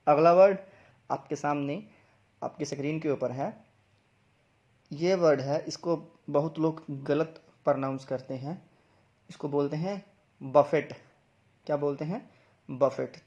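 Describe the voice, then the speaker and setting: A man's voice: on the high side, darkish tone. A young man, teaching English pronunciation in a video lesson, explaining step by step and repeating each word twice. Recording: dull lo-fi sound.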